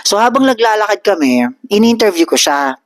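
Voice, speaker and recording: A man in his vlog, recounting a street encounter with lively, mid-range energy. The sound is dry and close, with no room around it. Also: high-pitched, brisk, dry recording. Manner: animated, switches between Tagalog and English. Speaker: vlogger. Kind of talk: casual storytelling.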